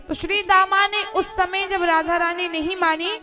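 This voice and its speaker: A woman's voice: very high-pitched, fairly even intonation, unhurried, over music. A woman storyteller giving a devotional story sermon in an emotive, dramatic way.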